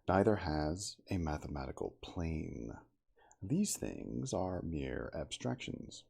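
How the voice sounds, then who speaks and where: An earnest Victorian gentleman scientist, as a male reader plays him, lectures in a low, husky voice. He is didactic and deliberate, with animated swings of pitch, in the manner of an audiobook character. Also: full character voice. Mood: insistent, lecturing. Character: earnest, learned Victorian gentleman inventor expounding a paradox.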